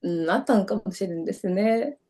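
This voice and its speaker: A woman's voice: mid-range voice, lively intonation, brisk, warm tone. A middle-aged woman from Kyoto with a Kansai accent, a dancer chatting as an interview guest and telling long, rambling stories full of fillers. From Kyoto, Japan. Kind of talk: casual interview chat.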